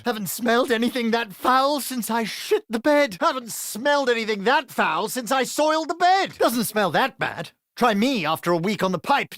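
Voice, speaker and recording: A man with a British accent voicing a crude, sardonic male adventurer who trades cheeky, quick-witted quips in a video game. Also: very high-pitched, fairly bright tone, no room sound, clean studio sound, heavily acted. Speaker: playable game character.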